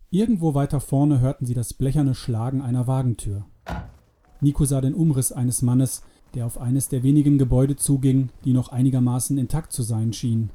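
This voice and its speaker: A man narrating an adventure story in a calm, measured audiobook reading. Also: mid-range voice.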